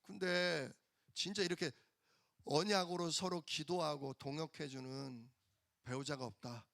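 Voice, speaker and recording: A man's voice: on the high side, steady tone, measured pace, vocal fry, fairly bright tone, no room sound, clean studio sound. A male pastor preaching a sermon in a church, emphatic and firing rhetorical questions at the congregation.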